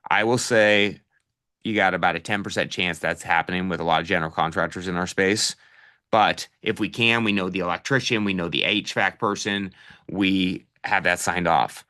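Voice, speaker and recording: A man's voice: deep voice, normal speed, bright, forceful tone. A middle-aged man coaching a live online session on real estate, casual and direct, calling listeners "you guys" with plenty of fillers. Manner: direct practical advice with fillers.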